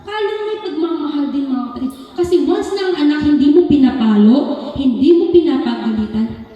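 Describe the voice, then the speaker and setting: A woman's voice: high-pitched, expressive, brisk, warm tone, lo-fi sound, faint music behind. A woman preaching a sermon, chatty and conversational, often mixing in English and addressing the congregation directly. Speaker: lay preacher. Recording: echoey hall, recorded from far off.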